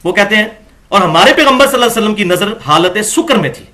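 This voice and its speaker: A man giving an argumentative religious lecture, reading quotations from books and reciting verses slowly. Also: high-pitched, expressive, sharp tone. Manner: argumentative, reads quotes aloud and recites scripture slowly. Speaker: religious scholar.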